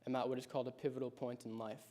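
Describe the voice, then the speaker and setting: In a prepared personal speech, a high school senior in his late teens tells his story in a measured, reflective manner. His tone is warm and level.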